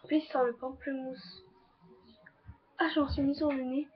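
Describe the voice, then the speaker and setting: Teen girl beauty vlogger, high bright voice, chatty and loose, slightly dull home recording with faint hiss. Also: flat delivery, moderate pace. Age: teens. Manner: chatty, repeats "donc voilà" and "trop, trop bien". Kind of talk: casual makeup review. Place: bedroom with a fan running.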